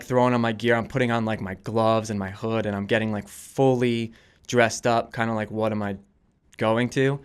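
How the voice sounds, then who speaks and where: This podcast guest, a volunteer firefighter and police dispatcher in his twenties, has a clean, smooth, lowish voice. He answers interview questions in a casual, conversational way, telling stories informally and feeling his way through his phrasing.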